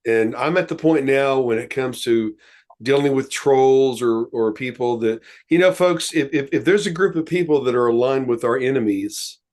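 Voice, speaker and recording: A man's voice: mid-range voice, normal speed, a little mellow. A man co-hosting a casual talk show, telling stories in a rambling, folksy way with many fillers. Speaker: co-host. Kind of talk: casual podcast chat.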